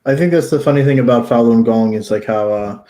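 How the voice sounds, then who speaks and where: Mid-pitched man hosting a casual live discussion. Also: a little fast, dark tone. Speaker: live show host.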